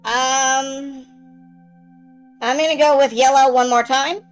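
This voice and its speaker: A woman's voice: high-pitched, fairly even intonation, takes it slowly. A woman giving casual, sweary game commentary as a let's play host, narrating her own moves as she goes. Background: game music.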